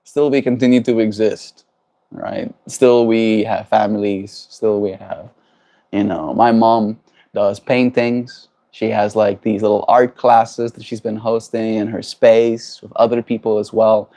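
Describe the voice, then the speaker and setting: A South African man answers viewers on a casual livestream, musing reflectively and repeatedly ending points with tag questions. He speaks unhurriedly in a fairly low, warm voice with little pitch movement.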